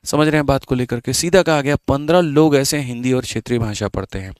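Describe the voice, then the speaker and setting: A man's voice: medium pitch, quick pace, smooth, no room sound. A man teaching maths in a live online exam-prep class, chatty and scolding his students, mixing English terms into his talk.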